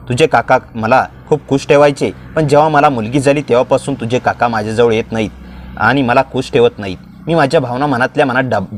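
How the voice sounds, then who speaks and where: A man's voice: mid-range voice, slight background noise, close to an everyday voice. A man reading as a confiding married aunt. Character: married middle-aged woman, an affectionate aunt.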